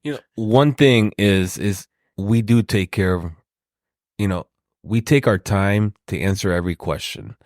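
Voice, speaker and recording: A man from a sales team speaks with earnest pride and leans on his key points. His voice is very deep, and the recording is dry and close. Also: unhurried, darkish tone, dry recording. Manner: earnest, proud, emphatic. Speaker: inside sales team member. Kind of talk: casual chat.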